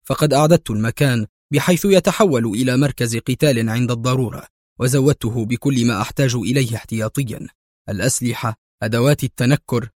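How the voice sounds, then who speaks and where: A man's voice: mid-range voice, darkish tone, no echo, clean studio sound, lightly acted. A man voicing a determined male secret agent who speaks firmly and resolutely. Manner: firm, resolute.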